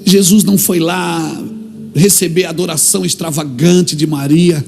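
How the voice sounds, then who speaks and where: A man with a Brazilian Portuguese accent preaching an impassioned church sermon, acting out little dialogues and building to shouted climaxes. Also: on the high side, steady tone, normal speed, creaky, slight background noise.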